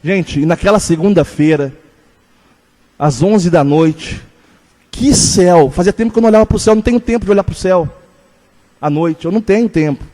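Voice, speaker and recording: High-voiced pastor preaching in a reverberant hall. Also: male voice, warm tone. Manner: earnest storytelling, slows for emphasis. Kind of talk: sermon with personal story.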